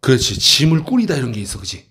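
A man teaching an English textbook passage to middle school students in a classroom, often checking in with quick questions. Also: medium pitch, huge pitch swings, a bit bright.

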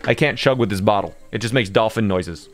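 This young man's voice is lowish and a little fast, with soft music playing in the background. He's casually chatting on a game stream, joking and rambling in a tired, groggy way, and tends to trail off before picking back up.

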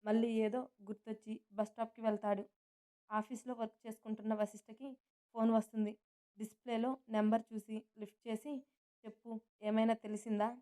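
Calm woman storyteller with a flat delivery. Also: on the high side, brisk. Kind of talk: scripted story narration.

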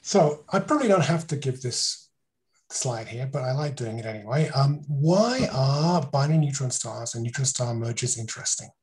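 A man presents research over a video call in an easygoing, conversational way. He poses rhetorical questions and corrects himself mid-sentence. His voice sits at an ordinary middle pitch. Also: animated, moderate pace. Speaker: conference speaker.

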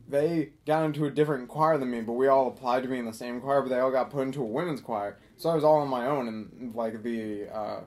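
A man casually telling a funny personal anecdote, animated and giggly, swearing freely and acting out his friends. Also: mid-range voice. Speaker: storyteller.

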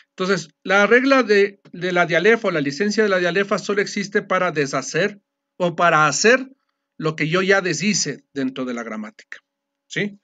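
Male teacher, high voice, patient step-by-step explainer, dull lo-fi recording. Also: pushed and bright. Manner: explanatory, often checks understanding with a quick question. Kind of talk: classroom lecture.

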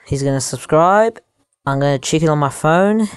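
A young man giving casual gameplay commentary into headphones used as a mic, haltingly thinking aloud as he goes. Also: fairly high pitch, animated, clear, resonant tone, no echo, studio quality. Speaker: gaming YouTuber.

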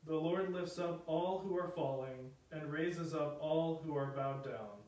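A man serving as lector, reading scripture and the psalm in a measured, solemn way in a large church with cathedral echo. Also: on the high side, darkish tone. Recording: echoey cathedral from far off.

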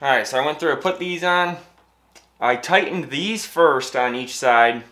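Working in his home garage, a man in his thirties explains each step of putting a trailer together for his vlog in a casual way. His voice is fairly high and his pace measured, and the recording picks up garage noise.

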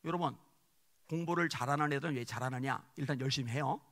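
A pastor preaching a sermon, moving between quiet storytelling and shouted exhortation. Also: male voice, mid-range voice, fast. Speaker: guest pastor. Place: church sanctuary. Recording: long church hall reverb.

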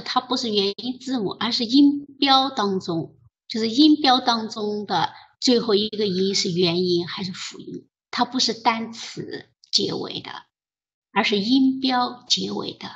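A woman's voice: medium pitch, fairly bright tone, husky, low-quality recording. A woman leading an online study group, explaining pronunciation patiently with many fillers over a voice call.

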